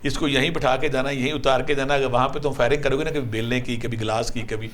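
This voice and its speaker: A man giving spiritual and numerology advice to callers in a lively, storytelling way. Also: mid-range voice. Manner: storytelling, calls callers 'daughter' and 'son', lists recitations. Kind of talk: animated call-in advice.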